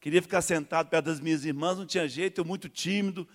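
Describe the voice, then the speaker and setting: A man with a Brazilian Portuguese accent giving a church testimony, telling his story in a lively way and acting out the dialogue. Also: fairly high pitch, fast. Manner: animated storytelling, acts out dialogue. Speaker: testimony speaker. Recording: echoey hall reverb.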